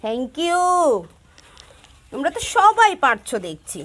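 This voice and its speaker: Slow, lively-voiced Bangladeshi woman teacher. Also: sits high. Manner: slow, drawn-out repetition, switching between Bengali and English. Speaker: primary school English teacher. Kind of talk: classroom lesson to young children.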